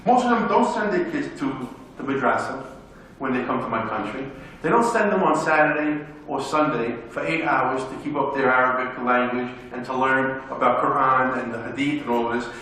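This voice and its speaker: New guy preaching, emphatic, tells stories, voice bounces around a big echoey hall, faint hiss. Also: high voice. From United States. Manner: animated, emphatic, rhetorical questions. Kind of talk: public talk with storytelling. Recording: echoey hall, speaker distant from mic.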